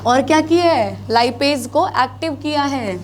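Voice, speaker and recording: A woman's voice: high-pitched, animated, unhurried. A woman teaching a biology class, asking her students questions and answering them herself, repeating key terms as she writes on the board. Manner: repeats key terms, mixing Hindi with English.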